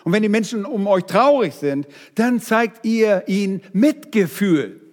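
Male preacher, a bit high-pitched, long hall reverb, talks directly to the congregation. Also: a little slow. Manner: lively, addresses the congregation directly. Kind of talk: sermon.

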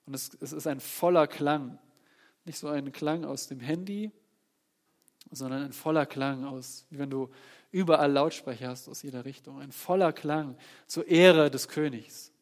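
A man preaching a sermon on a psalm. He swings between loud, emphatic peaks and quiet, low passages, and he asks rhetorical questions and answers them himself. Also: fairly even intonation, moderate pace.

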